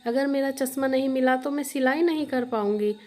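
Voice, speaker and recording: A woman's voice: high voice, brisk, mellow, natural voice. A woman voicing a fretful old tailor woman. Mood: tearful. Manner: wailing laments, sighs of dismay.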